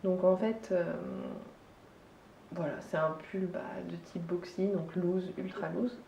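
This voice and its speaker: French woman, low warm voice, chatty and hesitant, dull echoey room, mic far off. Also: fairly even intonation, slow, creaky, a little hiss or hum. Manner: chatty, hesitant, many fillers and restarts. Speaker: knitting vlogger. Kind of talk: casual chat.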